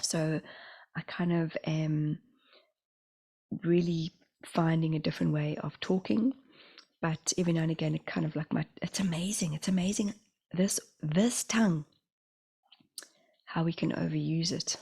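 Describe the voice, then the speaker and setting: Soft-spoken, husky woman with a lisp. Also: sits low, steady tone. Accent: New Zealand. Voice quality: slight lisp. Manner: soft, half-whispered, slows on key phrases. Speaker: spiritual channeler. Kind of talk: casual spiritual vlog talk.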